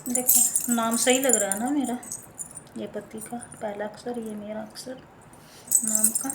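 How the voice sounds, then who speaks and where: A young woman vlogging casually from her hot home kitchen, hoarse and unwell, chatting and complaining straight to her viewers. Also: a little high, fairly even intonation, a little slow. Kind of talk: casual chat to camera. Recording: echoey room, faint noise.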